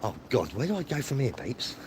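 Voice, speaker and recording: Very animated and brisk, this English man's mid-range voice carries a rambling, matey chat to his live stream audience, laced with self-deprecation. He's a travel vlogger out walking the streets. The audio is clear, with traffic and street noise behind him.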